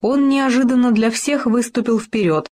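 A woman narrating a children's story in a lively, expressive reading. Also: a little high, normal speed.

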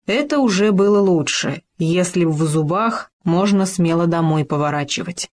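A woman narrating a children's story in a lively, expressive reading. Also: lowish voice, moderate pace.

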